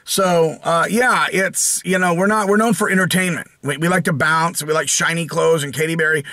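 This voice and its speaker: A man's voice: on the high side, fairly even intonation, normal speed, pushed and bright, no room sound, clean studio sound. An American man hosting his channel, ranting casually in a rambling, sarcastic way with lots of restarts and fillers. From United States. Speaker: channel host. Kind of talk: casual opinion rant.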